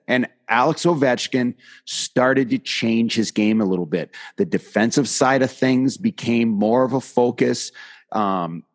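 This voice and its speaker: A man hosting a casual hockey podcast who argues emphatically. He piles up numbers and examples to drive his point home. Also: mid-range voice. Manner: emphatic, lists stats to make his point. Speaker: podcast host, former hockey player. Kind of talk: casual sports debate.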